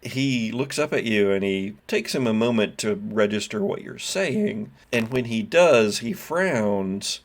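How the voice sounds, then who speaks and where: A man running a tabletop horror game as game master, narrating scenes calmly with some hesitation. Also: on the low side, unhurried, hardly any pauses.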